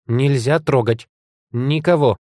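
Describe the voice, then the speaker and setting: A man voicing a young female heroine of an audiobook, a sharp-tongued guardian giving insistent orders. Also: medium pitch, brisk, dry recording, studio quality, close to an everyday voice. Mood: commanding. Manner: raised, insistent, commanding.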